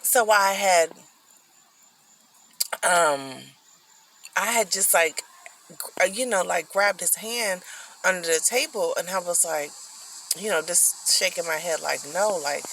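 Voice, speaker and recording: A woman chats through a personal story, circling back on herself with plenty of "like" and "um". Her voice is bright and sharp-edged, and a faint hum of ambience sits behind it. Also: lowish voice, takes it slowly, pauses often, rough recording. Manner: chatty, rambling, full of likes and ums. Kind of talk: casual storytime chat.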